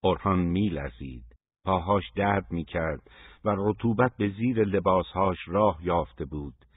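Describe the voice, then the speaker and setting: Male audiobook reader, deep and husky, measured pacing, dry phone-like recording. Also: no echo. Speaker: audiobook narrator. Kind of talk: scripted audiobook narration. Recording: dry, phone-like narrow sound.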